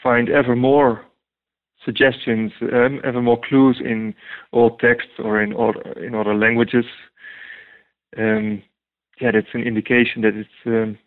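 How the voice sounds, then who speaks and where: Speaking a little slowly and with a flat delivery, this mid-range male voice belongs to a guest translator from the Netherlands. He fumbles through interview answers in a Dutch accent, restarting often and saying um a lot, and the line sounds tinny like a phone.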